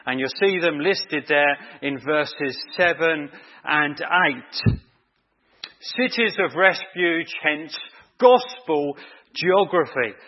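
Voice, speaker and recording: Husky preacher, chatty sermon. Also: male voice, a little high, expressive, slow, muffled recording. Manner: chatty, quizzes the congregation. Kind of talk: evening sermon.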